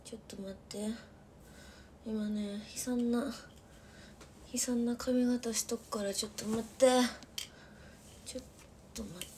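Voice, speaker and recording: A woman's voice: on the high side, steady tone, unhurried, pauses often, a little hiss or hum. A young woman chatting casually on a late-night livestream, often dropping into whispers. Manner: chatty, soft-spoken, drops to whispers, laughs often. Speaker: live streamer. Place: bedroom at night.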